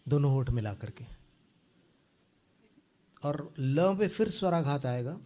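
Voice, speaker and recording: A man teaching careful pronunciation of a Sanskrit hymn, explaining sounds patiently and chanting the verse lines slowly into a close microphone. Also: fairly high pitch, animated, dark tone.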